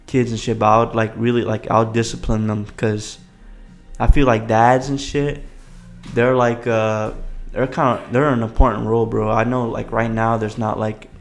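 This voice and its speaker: A young man in a casual podcast chat, his voice thick with vocal fry and gravel. He sits at a medium pitch and talks in loose, sweary slang. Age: young adult.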